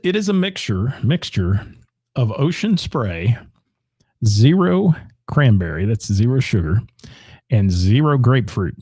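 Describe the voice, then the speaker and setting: Hosting a live radio show, a man rattles off local gig listings and tosses asides to the chat. His mid-range voice is warm yet gravelly, recorded in a clean studio with no echo.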